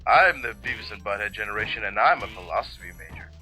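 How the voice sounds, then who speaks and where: A man's voice: fairly low pitch, animated, fast talker, sharp tone, soft background music. A young adult man co-hosting a let's play with joking, sweary casual banter.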